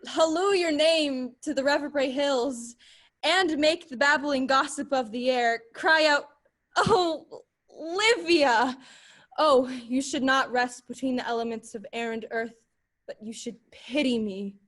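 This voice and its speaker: A woman's voice: high-pitched, a little slow, fairly bright tone. A woman playing an earnest disguised young page. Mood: impassioned. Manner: impassioned verse speaking. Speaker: actor. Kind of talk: Shakespearean stage acting.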